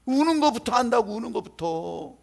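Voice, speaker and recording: A male pastor preaching an emotional sermon, swinging between loud exhortation and hushed, quiet passages. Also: extremely high pitch, lively intonation, normal speed, creaky. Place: church sanctuary.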